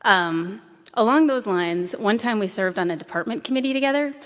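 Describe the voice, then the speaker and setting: Woman, forties, at a podium in a chamber hall giving a storytelling tribute; middle pitch, long reverberant tail. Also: animated, normal speed, a bit bright. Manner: anecdotal, light humorous asides. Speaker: former doctoral student giving a tribute. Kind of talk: memorial tribute speech. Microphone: podium microphone.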